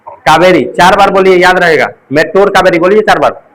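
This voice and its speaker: High-pitched male teacher drilling students. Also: brisk, fairly bright tone, rough recording. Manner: call-and-response drilling with mnemonics. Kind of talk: exam coaching class lecture.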